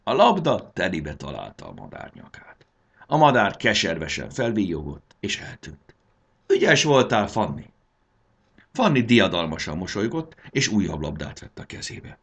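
A man reads a children's fantasy story aloud with dramatic expression. His low voice is gravelly and husky, and it swings widely in pitch as he tells the tale. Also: huge pitch swings, fairly bright tone. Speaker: narrator.

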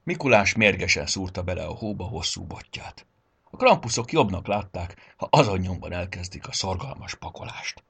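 A man narrating a children's story in an expressive way. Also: deep voice, vocal fry, slightly rough. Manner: expressive, voices the characters.

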